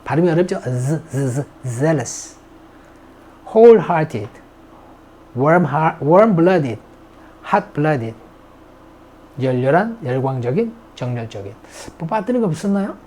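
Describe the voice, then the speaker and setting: A man's voice: a little high, sing-song, slow, pauses often, darkish tone. A man teaching English vocabulary, reading each word aloud, repeating it and explaining it. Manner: reads English words aloud, repeats them, then glosses them in Korean. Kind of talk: recorded vocabulary lesson.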